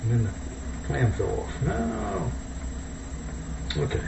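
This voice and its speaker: Male home cook, easygoing casual chat, distant mic with clear background noise. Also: mid-range voice, wildly swooping pitch, slow pace. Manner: easygoing, thinking aloud. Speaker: home cook hosting a cooking video. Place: indoors, kitchen. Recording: distant mic, dull, echoey, noisy room.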